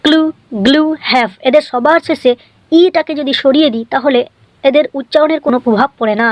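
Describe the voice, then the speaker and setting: A woman teaching English spelling in a scripted video lesson, explaining briskly and often checking in with the viewer. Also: high voice, no room sound, lo-fi sound.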